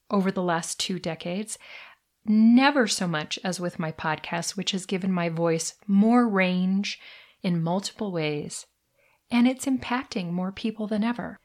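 A middle-aged woman hosting a solo coaching podcast, speaking warmly and deliberately and slowing down to stress words. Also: medium pitch. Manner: warm, deliberate, slows down for emphasis.

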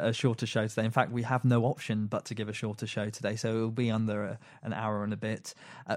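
A man's voice: mid-range voice, a little mellow, dry recording, studio quality. Chatty male film podcast host. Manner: chatty, many restarts and fillers. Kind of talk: casual film podcast chat.

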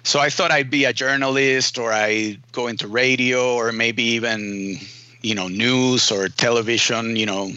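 A man speaks in a casual, rambling interview style, leaning on "you know" and "man" as he tells his story. His voice is bright and forceful. The recording is dry and a little dull, lacking sparkle. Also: mid-range voice, steady tone, moderate pace, dry recording. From Puerto Rico. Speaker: film editor, guest.

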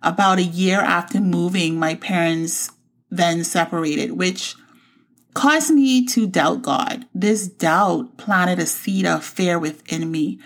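A woman in her forties from the Bahamas hosts her own show and tells her personal story of faith. Her voice sits a touch low and has a gravelly edge. She speaks in a reflective, heartfelt way. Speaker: podcast host.

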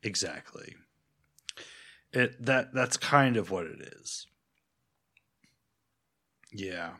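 A man co-hosting a motorcycle podcast, talking in a dry, wry way as he builds repetitive jokes. He speaks very slowly in a lowish voice. His tone has a bright, tense edge. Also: lively intonation. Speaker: podcast co-host. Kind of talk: casual chat.

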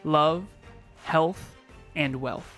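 A man with a slightly high voice talks like a life coach as a podcast co-host. His motivational delivery is emphatic, with music playing behind him. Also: extremely slow, fairly bright tone. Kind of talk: scripted motivational podcast intro.

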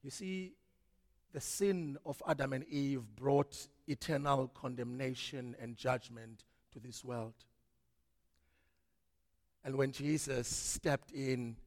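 A man preaching a sermon as pastor, swinging from loud, dramatic preaching to hushed tones. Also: mid-range voice. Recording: long reverb of a large hall.

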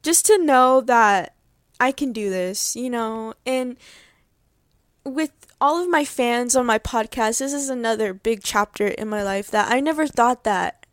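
Excitable teen girl podcaster, rambling. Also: fairly high pitch, a little slow, no room sound, clean studio sound. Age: late teens. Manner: rambling, heartfelt, lots of fillers and restarts; excitable, laughs often. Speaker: podcast host. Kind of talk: casual personal update.

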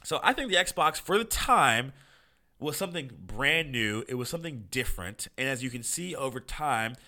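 Sick american podcast guy, froggy stuffed-up voice but bright n punchy, casual sweary gaming rant. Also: medium pitch, expressive, moderate pace. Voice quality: froggy, congested Kermit-like voice. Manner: informal, profane, opinionated. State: sick with a cold. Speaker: podcast host. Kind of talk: casual solo podcast commentary on video games.

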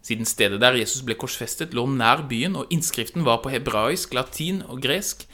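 A man narrating a dramatic scripture reading in a measured, expressive way. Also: medium pitch. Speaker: scripture reader.

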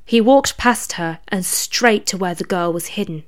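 A woman narrating a dark fantasy story in a steady, even reading voice. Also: mid-range voice, normal speed.

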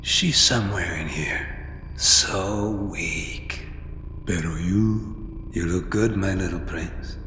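Ghostly father figure voiced by a man, slow and low, roomy reverb. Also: pushed and bright, a little hiss or hum, heavily acted. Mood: tender. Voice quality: slow, deep, mixing Spanish and English. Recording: echoey hall, distant reverb.

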